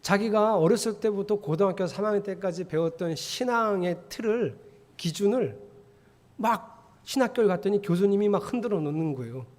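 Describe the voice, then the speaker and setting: High-voiced pastor in a reverberant church hall. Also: male voice, animated, normal speed, a little mellow. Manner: conversational, asks the congregation questions; acts out quoted voices of students and readers. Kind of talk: sermon. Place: church sanctuary.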